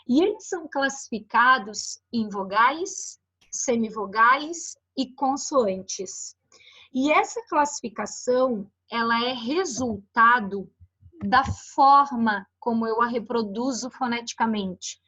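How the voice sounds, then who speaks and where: A woman's voice: a little high, a bit bright. A woman teacher with a Brazilian Portuguese accent giving a recorded lecture, explaining slides with frequent "né" and "ó". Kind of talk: recorded online lecture on phonetics.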